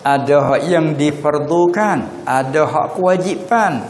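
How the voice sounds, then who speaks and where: A man's voice: fairly high pitch, a little hiss or hum. A man from southern Thailand with a Patani Malay accent, giving a religious lecture and putting questions to his listeners. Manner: questioning listeners, drawn-out Arabic terms. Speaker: religious teacher. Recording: echoey hall recording.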